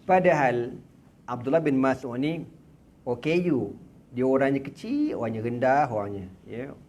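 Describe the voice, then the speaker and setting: A man with a Malaysian Malay accent giving a religious lecture in a prayer room, telling the story in a lively, joking way with slang and sound effects. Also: mid-range voice, unhurried, slight background noise. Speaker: religious teacher.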